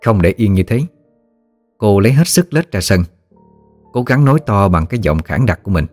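A man narrating an audiobook story in a steady, descriptive way. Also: fairly low pitch, normal speed, soft background music.

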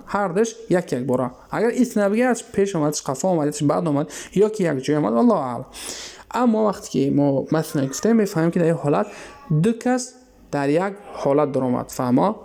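A man's voice: a little high, vocal fry, darkish tone. A man with a Tajik accent teaching a grammar lesson. He hesitates often with filler sounds and keeps checking whether his students follow. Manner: keeps checking understanding with quick questions. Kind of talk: classroom lesson explanation.

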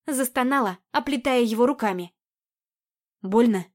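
A woman narrating a first-person romance audiobook in an intimate, even, unhurried reading. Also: fairly high pitch. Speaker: audiobook reader.

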